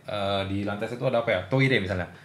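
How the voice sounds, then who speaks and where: A man's voice: fairly low pitch, fast, fairly bright tone. A man giving a casual language lesson who explains plainly and acts out short example dialogues. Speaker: Japanese language teacher. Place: indoor room at home. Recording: roomy home room with faint music.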